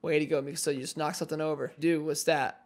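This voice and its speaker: This twentysomething man talks fast in a slightly high voice while reacting to an anime episode on a headset mic. He exclaims, laughs and reads subtitles out loud in a casual, excitable way from a small room at home.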